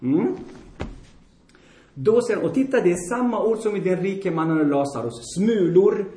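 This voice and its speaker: Blunt, high-voiced male preacher, echoey hall. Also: lively intonation, dark tone. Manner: blunt, emphatic, repeats for stress; addresses the congregation with questions. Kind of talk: sermon. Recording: roomy echoing hall.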